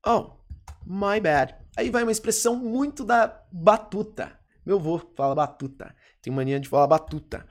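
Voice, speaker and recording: Brazilian teacher voice, careful and slow, drills each phrase, mid pitch. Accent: Brazilian Portuguese. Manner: slow, deliberate, repeats and drills example phrases. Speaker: English teacher. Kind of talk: online language lesson.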